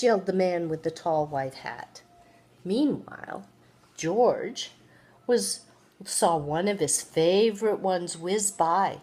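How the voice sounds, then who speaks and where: An older woman, a sweet grandmother, reading a children's picture book aloud and gently engaging the young listener. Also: a little high, slightly rough. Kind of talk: read-aloud children's storytelling.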